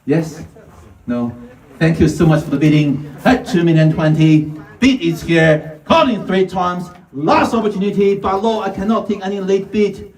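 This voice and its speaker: A man's voice: high-pitched, normal speed, a little mellow. A man working as a real estate auctioneer, calling out bids in repeated short phrases to buyers like a showman. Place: live property auction before gathered buyers. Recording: echoey, picked up from a distance.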